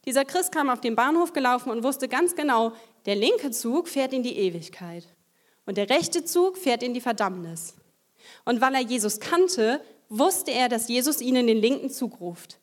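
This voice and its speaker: A woman's voice: a little high, lively intonation, normal speed. A woman giving a testimony sermon to a congregation. She tells a story vividly and acts out the voices in it. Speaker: lay preacher.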